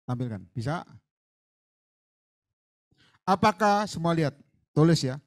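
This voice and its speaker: Fiery preacher man, raised pitch. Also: very animated, a little slow. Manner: swings between soft asides and loud fiery exhortation; mixes English words into his preaching. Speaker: pastor. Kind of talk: sermon. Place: church hall.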